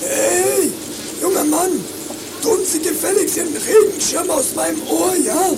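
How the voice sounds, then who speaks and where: A man's voice: extremely high pitch, steady tone, measured pace, gravelly, very noisy, full character voice. A man playing a cantankerous, hard-of-hearing old man in a comedy sketch, scolding querulously and repeating himself. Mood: indignant, scolding.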